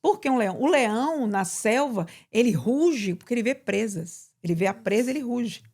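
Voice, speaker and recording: A woman pastor with a Brazilian Portuguese accent, preaching in conversation with emphatic, animated delivery. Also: a little high, moderate pace. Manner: animated, bursts into emphatic quoted prayers.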